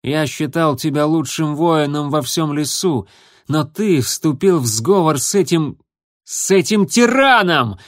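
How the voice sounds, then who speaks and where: A man's voice: fairly high pitch, lively intonation, a little slow, hardly any pauses. A man voicing a sulky striped male warrior cat with wounded pride and a resentful way of talking.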